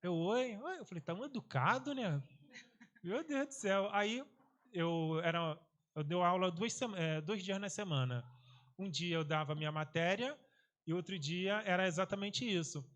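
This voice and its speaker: A man teacher speaks in an interview with an unusually high voice. He talks at length and reflects on his teaching, quoting his pupils along the way. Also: moderate pace, fairly bright tone. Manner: talkative, reflective, quotes pupils. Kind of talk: interview, casual recollection.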